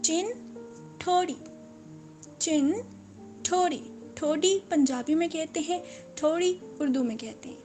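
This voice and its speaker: A woman teaching English vocabulary, saying each word slowly, repeating it and correcting common mispronunciations. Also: high-pitched, dark tone. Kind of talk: slow, repetitive vocabulary lesson.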